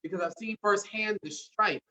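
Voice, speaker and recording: A man with a high voice performs spoken word poetry, recorded a little way from the mic. He speaks in a measured, emphatic way as an open mic poet. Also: bright, forceful tone. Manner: measured, emphatic, wordplay-driven delivery. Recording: distant mic at live event.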